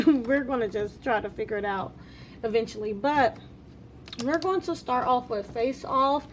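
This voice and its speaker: Lady vlogger chatting casually, talks slow, kinda high voice, speech a bit off from new braces, little bit of noise behind. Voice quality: slightly altered articulation from new braces. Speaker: vlog host. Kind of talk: casual chat while counting cash and cards.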